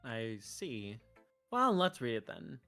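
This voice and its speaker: An androgynous-sounding streamer plays a visual novel, reading lines aloud and filling the gaps with casual banter, wisecracks and swearing. The voice is medium in pitch, sing-song, slow, pushed and bright. Game music plays behind.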